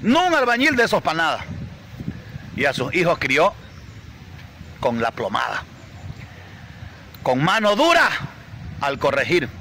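A man's voice: a little high, huge pitch swings, a little slow, long pauses, sharp tone, a little hiss or hum, low-quality recording. A man reciting a rhymed poem in a declaiming, emotional manner.

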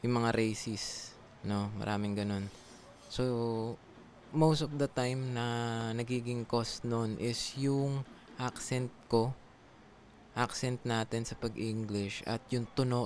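A man's voice: on the low side, a little mellow, slight background noise. A man from the Philippines with a Filipino accent, a former call center agent, chatting casually to viewers at his home computer, with lots of fillers. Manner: chatty, many fillers, talks to viewers as guys. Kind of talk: casual tutorial vlog.

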